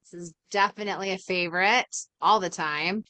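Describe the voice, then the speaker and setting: Bright-voiced woman calling bingo. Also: lowish voice, normal speed, no echo. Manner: bingo caller announcing items and prompting stories. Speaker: host calling bingo cards. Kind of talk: casual group game hosting.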